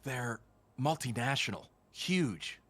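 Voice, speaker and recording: A man's voice: medium pitch, lively intonation, fairly bright tone, slightly rough. A man reading character parts in an amateur read-through, swearing and restarting his lines. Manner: slow, swearing, self-correcting. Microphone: home streaming mic.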